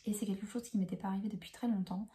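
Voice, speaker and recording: A woman chatting casually about a book she read, hesitant and full of fillers and restarts, often dropping into soft whispery phrases. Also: mid-range voice, steady tone, very fast. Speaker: book reviewer. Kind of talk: casual book review chat.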